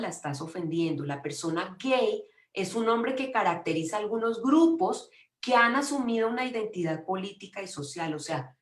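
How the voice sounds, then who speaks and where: Emphatic woman lecturing in an echoey room. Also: mid-range voice. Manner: emphatic, with frequent restarts. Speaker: conference speaker.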